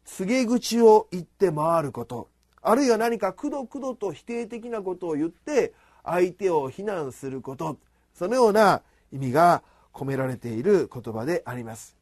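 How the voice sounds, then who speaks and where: A man's voice: high voice, big pitch swings, darkish tone, no room sound. Formal Japanese male preacher, dry sound. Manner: formal, measured preaching with emphatic rises. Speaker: pastor. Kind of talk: sermon.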